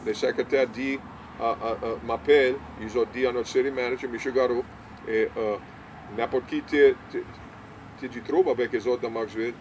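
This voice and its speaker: An older man speaks with a Cajun French accent in a casual interview. His delivery is halting and repetitive, with English words dropped in. A faint layer of vehicle noise sits behind his voice. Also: mid-range voice, fairly even intonation, a little mellow. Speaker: small-town mayor being interviewed.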